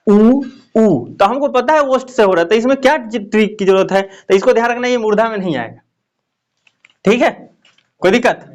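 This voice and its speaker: A male teacher giving a classroom lesson, often asking questions and repeating the answers. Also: sits high.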